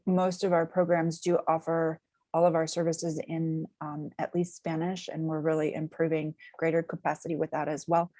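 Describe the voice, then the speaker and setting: Low-voiced woman speaking in measured, jargon-heavy phrases. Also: dark tone, dry recording. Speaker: community agency representative. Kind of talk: interview answers.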